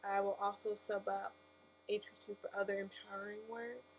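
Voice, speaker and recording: A faith-based vlogger with a lisp shares a candid personal testimony to camera, speaking emphatically and correcting herself along the way. Her mid-range voice is brisk, and the rough recording carries a steady mains hum and background noise.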